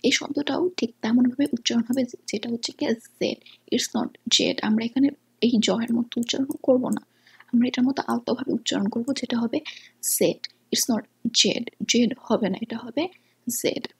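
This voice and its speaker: A woman explaining English pronunciation in a lesson, pausing often with fillers. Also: on the high side, fairly even intonation. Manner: hesitant, many fillers, often soft and breathy. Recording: distant mic.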